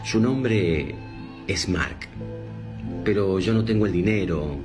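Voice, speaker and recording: A man reading a story aloud, voicing a poor mother who speaks with quiet hope. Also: sits low, slow, over music. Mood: hopeful. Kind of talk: scripted narration.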